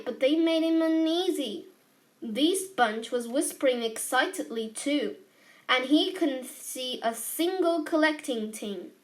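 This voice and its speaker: A woman narrating a children's storybook in an expressive reading voice. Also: sits high. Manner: expressive, voicing characters. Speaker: audiobook narrator.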